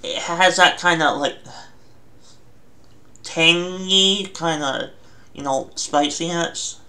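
A man casually reviewing food on his vlog, chewing while talking, rambling with fillers and hesitant pauses. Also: a little high, bright, forceful tone.

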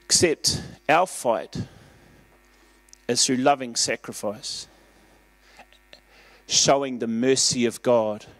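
Earnest New pastor preaching. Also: male voice, medium pitch, takes it slowly, pauses often, no echo. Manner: earnest, conversational preaching with fillers and rising emphasis. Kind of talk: sermon. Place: church.

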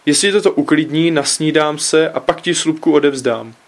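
A man reading aloud voices a teenage son who sounds innocent and puzzled, and turns shrill when exasperated. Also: close to an everyday voice.

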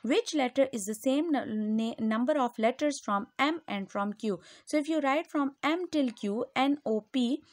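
Teacher woman, slow explaining, dry sound. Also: high-pitched, no room sound. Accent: Pakistani English. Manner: slow, explanatory, repeats answers for pupils. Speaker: school teacher. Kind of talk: recorded classroom lecture.

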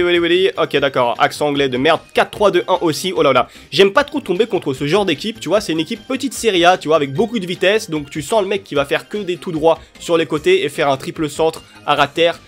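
A young man giving excitable, chatty commentary over his football video game matches, cheering at goals. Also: a little high. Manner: excitable, cheers and shouts at plays. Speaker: gaming YouTuber. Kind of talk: live gameplay commentary. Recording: light music underneath.

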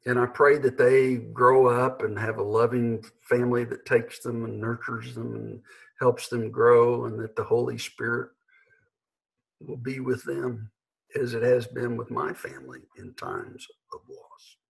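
A man in his sixties, a pastor, delivering an earnest, measured sermon from his living room into a webcam. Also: mid-range voice, vocal fry, poor audio. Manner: earnest, measured, with emphatic slowed phrases. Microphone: webcam at desk.

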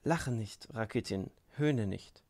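Man doing a gentle young monk getting worked up, earnest, gravelly. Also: on the low side, slow pace. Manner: earnest, pleading. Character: young male novice, gentle but impassioned.

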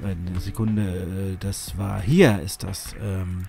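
Slow and level, a deep, dark voice with vocal fry comes over faint background music. The speaker, a gaming YouTuber with a sniffly cold, rambles hesitantly and uses lots of fillers while casually narrating his gameplay.

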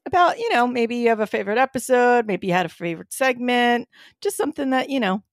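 A woman co-hosting a running podcast, chatting casually with lots of fillers and an animated way of talking. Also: fairly high pitch, quick pace, no room sound, studio quality. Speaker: podcast co-host, race organizer. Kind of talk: casual chat.

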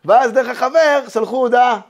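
A man teaching a Torah lesson as a rabbi, animated and emphatic, telling stories and asking rhetorical questions, swinging between loud and hushed. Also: very high-pitched. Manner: storytelling, with many rhetorical questions. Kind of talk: Torah lesson sermon to a live audience.

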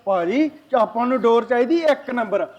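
A man's voice: very high voice, animated, normal speed, a little mellow, muffled recording. A man playing a fussy village father haggling over kite string, in a comedy sketch. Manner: haggling, excuses.

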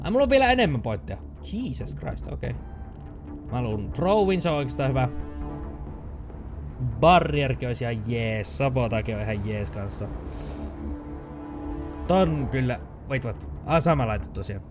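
Excitable Finnish gamer, lively pitch. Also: male voice, long pauses, over music. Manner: excitable, chatty, swears and laughs often. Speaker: gaming channel host. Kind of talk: let's play commentary.

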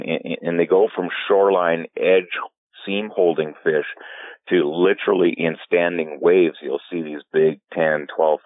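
A man, a fly fishing guide and filmmaker, answering in a relaxed podcast interview and rambling through many restarts. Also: extremely low pitch, no echo. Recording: tinny phone-like line.

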